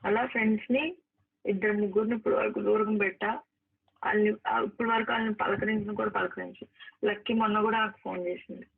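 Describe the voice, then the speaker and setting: Speaking fast with a level, medium-pitched voice, vocal fry and a breathy edge, an actress argues in a heated private phone call. She's emphatic and repetitive, reproaching the other person, and the phone-line recording is narrow and tinny.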